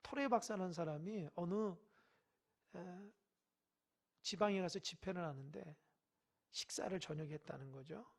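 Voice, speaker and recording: A pastor with a medium-pitched voice and vocal fry preaches a midweek sermon in the church sanctuary, speaking at normal speed and pausing often. He questions the congregation pointedly, moving from loud exhortation to quiet asides.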